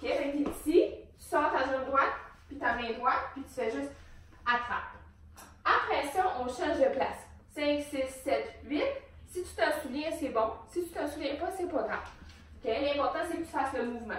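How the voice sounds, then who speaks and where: A woman's voice: high voice, expressive, normal speed. A young woman with a Québécois accent teaching a hip hop dance class, counting beats and calling out moves. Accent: Québécois French. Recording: very echoey room, distant mic.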